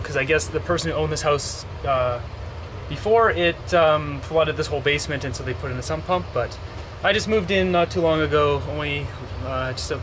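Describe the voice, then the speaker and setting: A young man with a fairly high voice chats loosely about fixing something at home, recording himself at arm's length with a handheld camera. The DIY vlog moves between a house basement and an outdoor stairwell, with many fillers, restarts and background noise.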